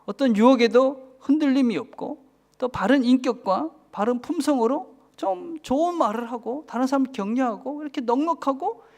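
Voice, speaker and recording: A man's voice: very high voice, moderate pace, gravelly, a little mellow. A man in his forties with a Busan accent, a pastor preaching a sermon, often asking the congregation for agreement and dropping to a whisper for emphasis. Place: church.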